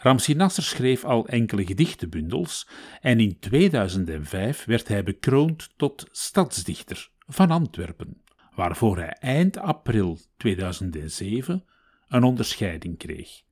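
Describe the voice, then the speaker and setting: A man hosting a podcast, reading poems and talking calmly with lively intonation. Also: fairly low pitch, measured pace. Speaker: podcast host. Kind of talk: podcast narration and poetry reading. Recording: music playing behind the voice.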